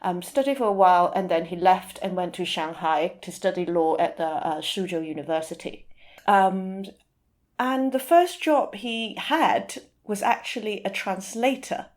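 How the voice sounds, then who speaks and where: A woman with a medium-pitched voice appears as an interview guest, explaining things informally. Now and then she pauses to hunt for the right word.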